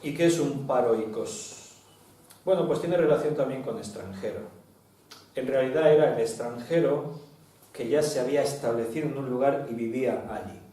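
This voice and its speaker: Pastor, Spanish accent, teaching tone, dark voice, recorded from afar in an echoing church hall. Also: male voice, mid-range voice, moderate pace. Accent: Spain. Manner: teaching, asks the congregation questions. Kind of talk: Bible study sermon. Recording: very echoey hall, distant mic.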